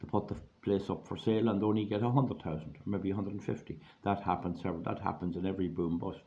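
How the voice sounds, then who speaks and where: A hoarse Irish man giving an informal, rambling monologue in a plain-spoken, folksy way, repeating phrases for emphasis. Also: sits low, fairly even intonation, fast, a little mellow. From Ireland. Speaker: online video host giving money advice. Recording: dull lo-fi audio, faint background noise.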